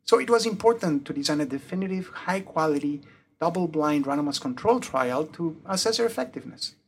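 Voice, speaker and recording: A pediatric emergency doctor, born in the UK and raised in Mexico, speaks with a mixed French and Mexican Spanish accent as he methodically explains his research in an interview. His voice is a little high, a little fast and slightly rough, and he lists his points in a steady, explanatory way.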